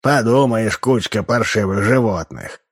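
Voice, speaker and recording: A man's voice: on the low side, unhurried, slightly rough. A man voicing a drunk, boastful old troublemaker with a tipsy tenor voice. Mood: drunken bragging. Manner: slurred, boastful, belligerent.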